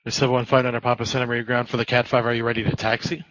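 A man's voice: medium pitch, level tone, racing, a bit bright, no room sound. A man working as an air traffic controller, giving clipped, businesslike procedural instructions over radio. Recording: slightly muffled radio audio.

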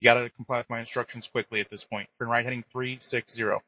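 A man working as an air traffic controller, giving brisk, procedural instructions over the radio. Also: medium pitch, level tone, bright, forceful tone, no room sound. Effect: radio transmission. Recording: muffled lo-fi radio audio.

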